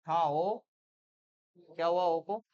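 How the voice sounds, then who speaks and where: A woman's voice: fairly low pitch, takes it slowly, darkish tone. A woman teacher, running a classroom reasoning lesson and quizzing her students with repeated questions. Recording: muffled lo-fi classroom recording.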